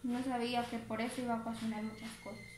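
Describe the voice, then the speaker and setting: Brief: an apologetic, pleading farm girl in a storybook tale, as a woman reads her, high-pitched, roomy sound. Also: flat delivery, fast, a little mellow, a little hiss or hum, natural voice. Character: young farm girl, remorseful daughter. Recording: roomy home recording.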